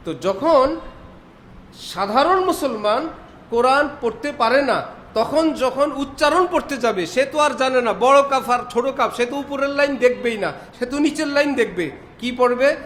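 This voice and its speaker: High-voiced animated Bengali preacher. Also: male voice. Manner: animated, mimics Arabic pronunciations, rhetorical questions. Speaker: Islamic preacher. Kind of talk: sermon. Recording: faint background noise.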